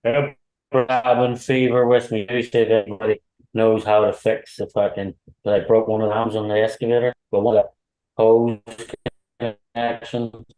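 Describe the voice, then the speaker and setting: A man's voice: lowish voice, little pitch movement, normal speed, mellow. A man on a video call from a hotel room, chatting casually and swearing, his audio breaking up over a bad connection. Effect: bad internet connection, audio cutting out. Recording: echoey call audio that drops out.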